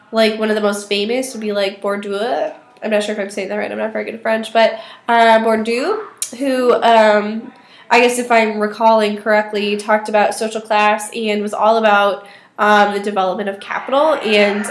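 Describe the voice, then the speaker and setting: A woman in her twenties with a weak, thin voice, talking casually and tentatively as she thinks aloud in a video response. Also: mid-range voice. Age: 20s. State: weak voice today. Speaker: student vlogger. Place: small indoor office or study. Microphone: webcam or laptop microphone at arm's length. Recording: roomy, echoey webcam sound.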